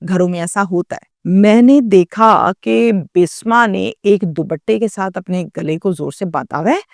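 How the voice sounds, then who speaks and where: A woman's voice: medium pitch, gravelly, no room sound, studio quality. A woman narrating a true story in the first person, dramatic and acting out the quoted dialogue.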